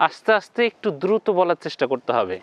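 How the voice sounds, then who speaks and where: High-voiced man teaching recitation syllable by syllable. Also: very animated, no room sound. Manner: slow, repeats syllables for viewers to copy; gives Arabic sounds a heavy nasal tone. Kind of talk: step-by-step lesson on pronunciation.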